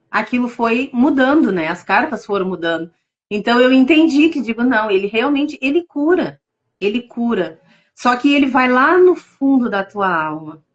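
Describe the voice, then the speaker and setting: A Brazilian woman, a tarot reader, telling her story with deep emotion in a live interview over a video call. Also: dull audio. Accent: Brazilian Portuguese. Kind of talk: casual testimony in a live interview.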